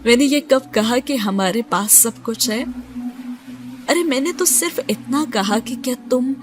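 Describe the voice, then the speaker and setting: A woman voicing a playful, teasing young male student in a romance audiobook, speaking gently and without hurry. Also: on the high side, background noise, voice pushed up, lightly acted.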